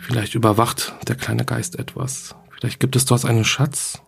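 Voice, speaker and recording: A man voicing Isabeth, a calm, morbid girl. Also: medium pitch, moderate pace, creaky, breathy edge, exaggerated voice. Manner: matter-of-fact, unbothered.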